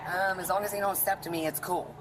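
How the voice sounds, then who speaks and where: Agitated woman, profane, rambling, lower voice, outdoors, noisy body cam audio. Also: steady tone, quick pace. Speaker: woman questioned by police. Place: outdoors at a house. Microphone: police body camera.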